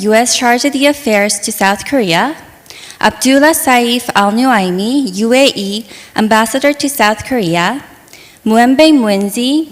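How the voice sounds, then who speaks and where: A woman professor moderating a symposium session, introducing the speakers and reading names and titles carefully. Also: on the high side. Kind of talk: formal event introduction. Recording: long reverb of a hall.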